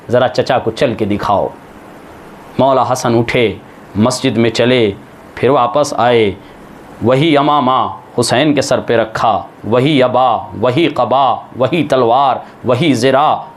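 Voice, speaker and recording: Slow, dramatic male preacher. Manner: slow, dramatic recitation, acting out quoted speech with sudden high swells. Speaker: religious scholar. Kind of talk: Muharram majlis sermon.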